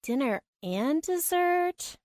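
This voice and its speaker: A woman reading the part of a soft-spoken, self-deprecating young woman in an audiobook. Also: medium pitch, brisk, no echo, clean studio sound, natural voice. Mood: wry. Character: shy, wry young woman love interest.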